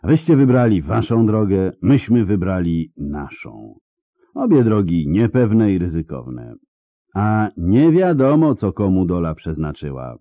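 A man voicing a calm, fatalistic male mercenary in an audiobook reading, soft-spoken and resigned. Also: low voice, unhurried, dry recording, voice pushed up, full character voice.

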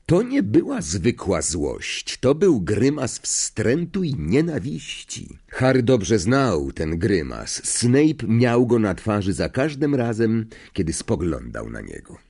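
A man narrating an audiobook in an expressive way, acting out the characters. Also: fairly low pitch, slow pace, hardly any pauses, slightly rough. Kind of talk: scripted narration.

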